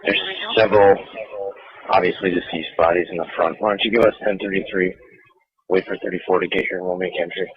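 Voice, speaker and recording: A man's voice: low-pitched, flat delivery, fast, breathy edge, no echo. A man speaking as a police officer at a scene, giving clipped, businesslike calls over a walkie-talkie. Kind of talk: terse police radio calls. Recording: archival lo-fi police radio.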